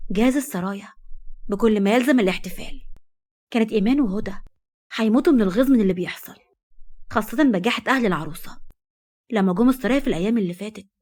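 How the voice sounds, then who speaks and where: Brisk Egyptian woman storyteller. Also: mid-range voice, darkish tone. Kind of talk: dramatic story narration.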